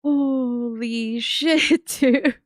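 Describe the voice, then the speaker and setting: A woman streamer reacting live, talking in a gushing, excitable way with swearing and laughter. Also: a little high, very slow, dry recording, studio quality.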